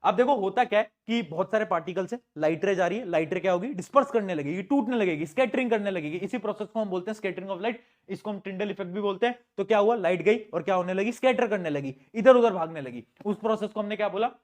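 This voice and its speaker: A man's voice: high voice, fast talker, few pauses. A young male teacher giving a live science lesson, playful and teasing, repeating key questions and answers and mixing English terms into his talk. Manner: playful, teasing, addresses students as beta; mixes English terms into Hindi.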